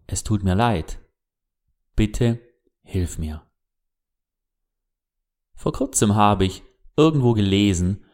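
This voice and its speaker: A man giving a reflective motivational monologue as a self-help speaker, who speaks to the listener directly with gentle questions. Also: on the low side.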